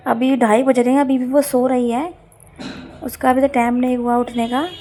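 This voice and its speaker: A young woman talks through her household chores in a casual home vlog, her voice hoarse and heavy from a sore throat. She rambles, grumbles and corrects herself as she goes, speaking in a fairly high voice. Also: little pitch movement, normal speed, mellow, slight background noise. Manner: rambling, complaining, self-correcting. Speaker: home vlogger. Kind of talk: casual chatty vlog narration.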